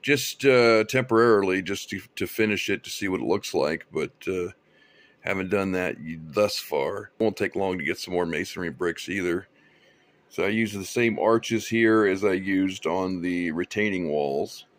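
A man chatting casually while showing his hobby builds off camera, relaxed and rambling, with fillers and small chuckles. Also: low-pitched, moderate pace. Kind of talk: casual show-and-tell chat. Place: indoor hobby room, filming his own builds.

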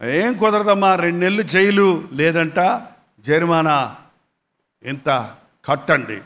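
A man's voice: on the high side, takes it slowly, a bit bright. Man playing a stern dismissive cop, clipped delivery, echoey hall. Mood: curt. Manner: curt, dismissive. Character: stern policeman refusing a widow.

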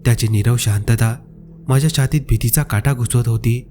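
Mellow-voiced man narrating a horror story. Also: mid-range voice, normal speed, slight background noise. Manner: steady, suspenseful storytelling. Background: faint background music.

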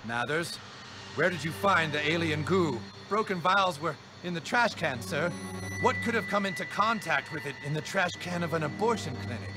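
A man's voice: a little high, lively intonation, moderate pace, close to an everyday voice. Male actor as a stern cartoon government agent. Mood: grave. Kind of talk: cartoon video game acting. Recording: music over the voice.

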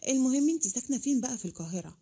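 A woman's voice: high voice, expressive, racing, warm tone, breathy edge, full character voice. A woman voicing a teasing Egyptian young man. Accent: Egyptian Arabic.

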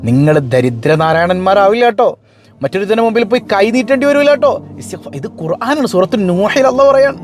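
A male preacher delivers an emphatic storytelling sermon at a quick clip. His voice sits high, and he keeps turning to his listeners with questions. Soft music plays faintly underneath. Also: expressive.

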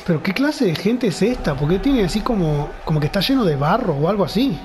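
High-pitched with big swings in pitch, this man speaks briskly while playing a horror game on a let's play. A gamer with a Rioplatense Spanish accent, he mutters to himself, nervous and scared, over a rough recording with slight background noise.

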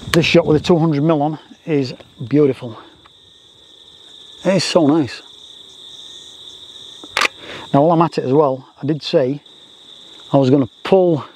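A man with a soft, mellow tone, pitched a little high. He rambles casually as a vlogger, repeating himself and gently mocking himself. Faint outdoor noise and insects sit behind him. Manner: chatty, self-deprecating, repeats phrases. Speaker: landscape photographer, vlogger. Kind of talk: casual rambling vlog commentary. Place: outdoors on a grassy rural roadside.

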